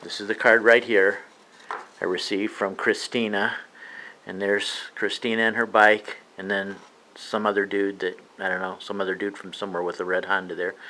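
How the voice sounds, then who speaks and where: A man's voice: fairly low pitch, little pitch movement, normal speed, sharp tone, low-quality recording. An older man of about sixty speaking informally and plainly to viewers in a casual vlog, recorded at home on a camera held close by. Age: older, around 60. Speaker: moto vlogger. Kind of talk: casual video chat to viewers. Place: small living room indoors. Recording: faint room noise.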